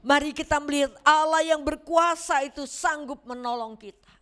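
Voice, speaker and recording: A woman preacher delivers an animated sermon in a church. Her voice sits high. She slips into the voices of the people she quotes. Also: normal speed. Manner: animated, acts out quoted voices, mixes in Javanese words.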